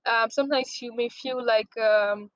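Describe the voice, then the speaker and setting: A woman with a fairly high voice walks through a lesson in a relaxed, conversational way. She pauses often with small fillers and restarts. The sound is close and dry, with no room around it. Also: no room sound, highs cut off. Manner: relaxed, with many ums and restarts, everyday examples. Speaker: project management instructor. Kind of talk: explanatory lesson with slides.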